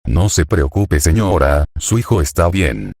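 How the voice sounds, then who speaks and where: Narrator voicing a brave young man, gentle, reassuring, low and dry. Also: big pitch swings, measured pace, creaky, breathy edge, no echo, heavily acted. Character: calm brave young male hero.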